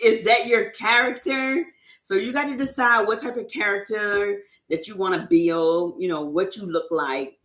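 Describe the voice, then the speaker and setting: A woman's voice: on the low side, a bit bright. A woman giving an informal faith talk as an inspirational speaker, speaking in a conversational, emphatic way with frequent "you know" asides. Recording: roomy echo.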